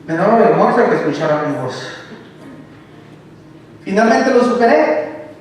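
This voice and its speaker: A man's voice: high-pitched, sing-song, measured pace, a little hiss or hum. A man preaching a conversational sermon in a church, often asking the congregation direct rhetorical questions. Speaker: lay preacher. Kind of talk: conversational sermon with personal testimony. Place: church sanctuary. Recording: distant mic in a reverberant hall.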